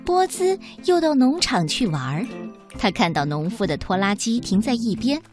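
A woman reading a children's picture book aloud, in an expressive, sing-song storytelling voice. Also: mid-range voice, moderate pace, music in the background.

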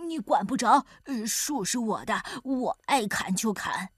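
A woman doing a blustering, husky old landlord. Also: fairly high pitch, lively intonation, takes it slowly, a bit bright, no room sound, studio quality, far from the mic, exaggerated voice. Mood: defiant. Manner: grunts "uh" before lines, blustering. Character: greedy, hot-tempered rich old landlord man. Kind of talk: storybook character voice.

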